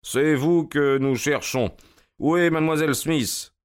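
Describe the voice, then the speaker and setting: A brisk, impatient detective from an audiobook, played by a male narrator, giving quick, commanding orders with urgency. His voice sits a little higher than the narrator's own. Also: smooth, close to an everyday voice. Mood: urgent. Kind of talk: audiobook character reading.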